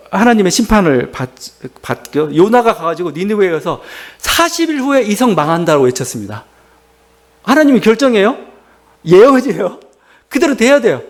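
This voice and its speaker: Male pastor, sermon, high voice, very lively pitch, rhetorical questions, paraphrased dialogue. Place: church service.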